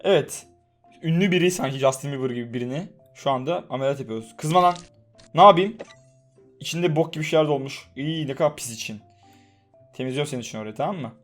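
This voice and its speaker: A man's voice: fairly high pitch, quick pace, faint music behind. Chatty young man doing game commentary. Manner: chatty, swears in jest, soothes game characters. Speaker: gaming YouTuber. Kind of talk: casual mobile game commentary.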